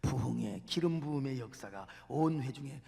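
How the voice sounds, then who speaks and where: A male pastor telling a revival story in a dramatic sermon, swinging from shouts to whispers, in a large church. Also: mid-range voice, expressive, normal speed, vocal fry. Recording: long church hall reverb.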